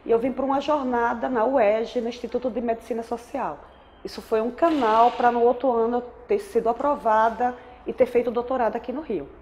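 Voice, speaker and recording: Speaking a little fast with a steady tone, a woman in her forties recounts her life with slight background noise. She's an anthropologist from Aracaju, Sergipe, Brazil, with a Sergipe accent and a darkish voice on the high side, reflective and fond of tag questions.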